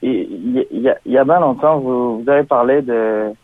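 A man's voice: medium pitch, moderate pace, no echo, narrow, tinny audio, lightly acted. A man putting on a caller from Montreal who stammers and repeats words, heard as an answering machine message. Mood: chatty. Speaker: fake caller.

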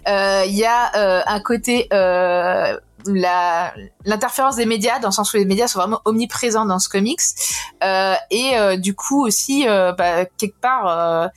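A young woman speaks with a slightly nasal, blocked-nose sound from a cold. She reviews a comic in a relaxed podcast chat, often pausing and restarting her sentences. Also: mid-range voice. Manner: hesitant, frequent pauses and restarts.

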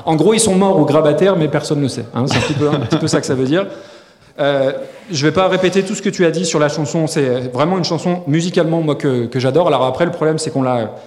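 A man's voice: on the high side, quick pace, darkish tone. Male podcast co-host, live-stage banter, joking and rambling, reverberant hall. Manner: joking, rambling with many fillers and restarts. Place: live festival stage before an audience. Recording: echoey hall with long reverb.

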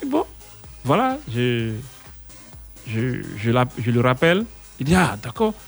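Animated storytelling man. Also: mid-range voice, measured pace, soft background music. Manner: animated, acts out quoted voices, stammers when excited. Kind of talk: casual storytelling.

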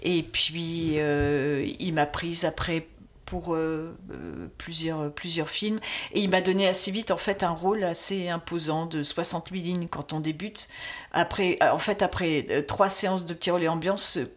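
A woman's voice: lowish voice, normal speed. A woman voice actress chatting in an interview, telling a story with frequent laughs and restarts. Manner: lively storyteller, laughs often, many restarts. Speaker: guest voice actress. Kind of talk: casual interview chat.

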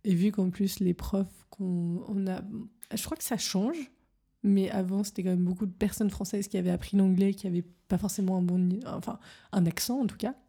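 A woman from France talking casually in a relaxed way. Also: medium pitch, normal speed, breathy edge. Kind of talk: casual chat.

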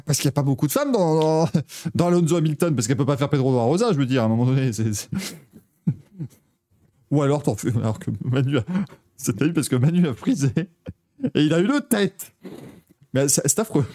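A man's voice: mid-range voice, mellow. A young man hosting a motorsport podcast, chatting casually with jokes, laughter and rambling asides. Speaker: podcast host. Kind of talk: casual chat.

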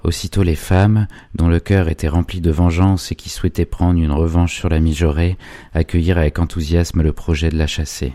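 A man narrating a classic novel in a measured, even literary reading. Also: sits low, no room sound. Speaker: audiobook narrator.

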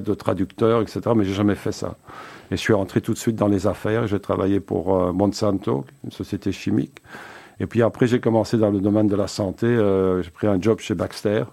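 With a lowish, warm voice, a Belgian-born man in his seventies discusses his career as a guest founder in a relaxed interview. He keeps an easy pace, stumbling into many hesitations and fresh starts.

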